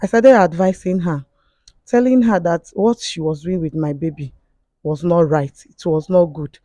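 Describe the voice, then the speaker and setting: A woman tells her story in a halting way, stopping often to restart her sentences. Her voice has a mellow, darker tone at a middle pitch. The sound is dry and close. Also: dry recording. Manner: halting, with frequent fillers and restarts. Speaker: confessing guest. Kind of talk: emotional spoken testimony.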